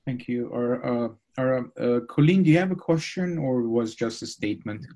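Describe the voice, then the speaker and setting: A man's voice: medium pitch, normal speed, dark tone. A man moderating a video call, briefly and politely calling on questioners. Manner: brief and polite, calls on people.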